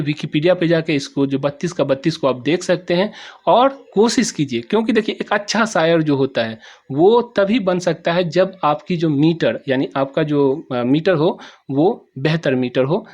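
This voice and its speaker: A man with a Bihari accent teaches in a plain classroom style, with a voice sitting a little high for a man. He repeats each point and keeps checking that his students have followed along. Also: a little mellow. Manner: repetitive, checks understanding often. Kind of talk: classroom explanation.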